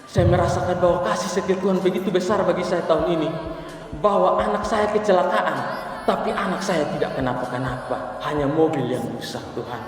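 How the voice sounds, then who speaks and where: A man voicing a calm, grateful middle-aged wife giving thanks in prayer. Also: high-pitched, a little fast, faint music behind, voice pushed up, natural voice. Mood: thankful calm. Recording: echoey church hall, distant mic.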